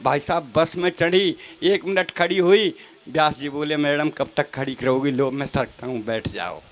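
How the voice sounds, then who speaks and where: This stage comedy poet's voice is a little high and moves at a normal speed, with a little hiss or hum in the audio. He performs comic poetry through a stage mic, telling stories with put-on dialogue and teasing the other poets, while a live audience can be heard in the background.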